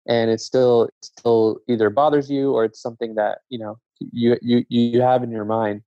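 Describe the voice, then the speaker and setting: A man from Zambia, a guest in a casual conversation, speaking in a reflective, measured way and often restarting his sentences. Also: mid-range voice, warm tone, no echo. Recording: dull lo-fi dry sound.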